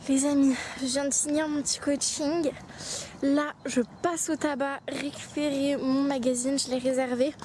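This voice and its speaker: A woman's voice: high voice, little pitch movement, normal speed, a little mellow, a little hiss or hum. A young woman vlogging her day, chatting straight to her viewers and sometimes dropping to a whisper. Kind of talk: casual day-in-the-life vlog. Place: outdoors and at home, moving through the day.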